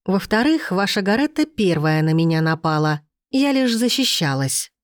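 A woman's voice: lowish voice, very animated, moderate pace, dry recording, studio quality. A woman voicing a defiant young noblewoman who speaks in a firm, cold, steely tone.

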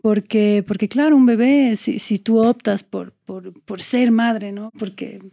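A woman's voice: medium pitch, unhurried, creaky, mellow. A woman in her forties, an actress speaking as a podcast guest, earnest and reflective as she talks in long, searching sentences. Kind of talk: candid conversational interview.

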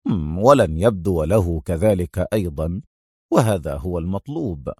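A man voicing a calm, ironic male secret agent who speaks in a low, wryly teasing tone. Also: moderate pace, dry recording, studio quality.

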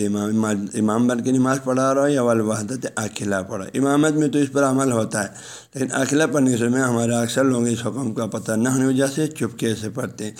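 A man giving a religious lesson, working through a text one phrase at a time and explaining each in everyday speech. His pitch sits in an ordinary middle range for a man. He often adds small conversational fillers and talks straight to his listeners. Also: a little mellow. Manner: speaks directly to listeners, telling them to pass the ruling on at home. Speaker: religious lecturer teaching a law book.

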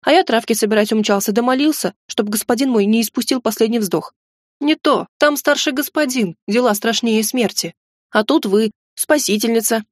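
A woman's voice: fairly high pitch, normal speed, no room sound, clean studio sound, close to an everyday voice. A woman reading an audiobook, voicing a chatty, nervous male goblin servant who is undead and talks in a rambling, folksy way.

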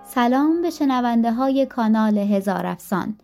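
A woman narrating a folktale audiobook in a gentle, rhythmic storytelling manner, recorded on a studio mic. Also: fairly high pitch, lively intonation, soft background music.

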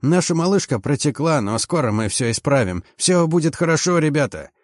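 Brief: a man playing a calm, cheerful young mechanic, raised pitch, reassuring, audiobook, dry sound. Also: brisk, dry recording, lightly acted. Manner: reassuring, upbeat. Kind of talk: audiobook character voice.

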